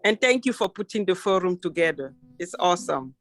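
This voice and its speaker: A woman's voice: on the low side, expressive, brisk, a bit bright, soft background music. A woman, an audience member on an online town hall, speaking earnestly and from the heart. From Cameroon. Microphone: video call.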